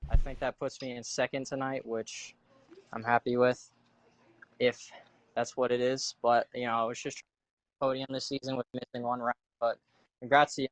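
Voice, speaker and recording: A man's voice: medium pitch, level tone, moderate pace, no room sound, rough recording. A man talking casually over an online voice chat, hesitant with many fillers, his volume rising and dropping as his mic cuts out. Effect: uneven volume from a cutting-out mic. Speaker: league racer being interviewed. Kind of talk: casual post-race interview.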